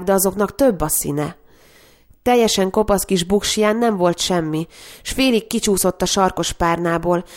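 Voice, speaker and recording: A woman reads a story aloud, calm and expressive in her delivery. Her voice is lower than that of most women. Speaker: narrator. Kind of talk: audiobook story reading.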